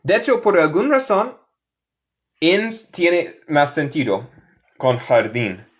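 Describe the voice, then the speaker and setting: Slow-talking American teacher, Spanish and English. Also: male voice, on the high side, big pitch swings. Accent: American English speaking Spanish. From Michigan. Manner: slow deliberate drilling, mixing Spanish and English. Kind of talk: live online English lesson for Spanish speakers.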